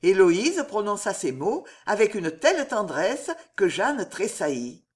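A woman narrates a historical novel with a lively, melodic voice that swoops and dips. Her delivery is slow and deliberate, in a dramatic storytelling style. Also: mid-range voice. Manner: expressive, dramatic reading. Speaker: audiobook narrator. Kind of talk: scripted narration.

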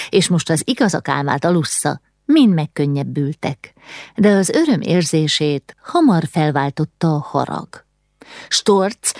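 A woman narrating a novel as an audiobook in a steady, measured way. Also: low-pitched, no echo, studio quality.

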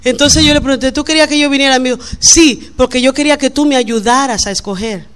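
A middle-aged woman pastor preaching a lively sermon, acting out little quotes along the way. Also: sits high, fast. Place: church.

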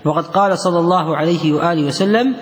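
A man's voice: fairly high pitch, quick pace. A man teaching a religious text to a class, repeating key phrases and counting along with his students. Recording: echoey hall with long reverb.

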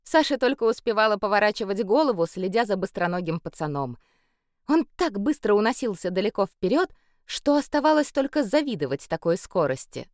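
A woman reading a children's story aloud with playful, expressive narration. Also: mid-range voice, a little fast, no echo, clean studio sound. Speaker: audiobook reader.

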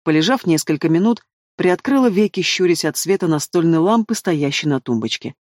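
A man narrating an audiobook in measured storytelling. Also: a little high, expressive, no echo. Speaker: audiobook reader. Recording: dry close studio sound.

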